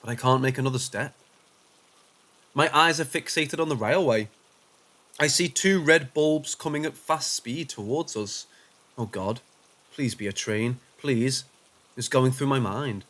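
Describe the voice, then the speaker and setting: A man narrating first-person paranormal stories as scripted narration, dropping low and quiet for the tense moments. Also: a little slow, long pauses.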